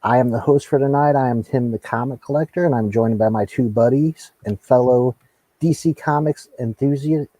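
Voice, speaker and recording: Mellow-voiced easygoing man hosting a live chat. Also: medium pitch, moderate pace, no echo, poor audio. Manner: easygoing, repeats words as he talks. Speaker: host. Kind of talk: casual chat on a live comics show.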